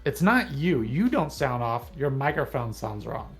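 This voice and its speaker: A man's voice: medium pitch, sing-song, measured pace, fairly bright tone, faint music behind. A man on a gaming livestream's voice chat, talkatively explaining game mechanics step by step in casual chat. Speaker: guest co-player on a livestream.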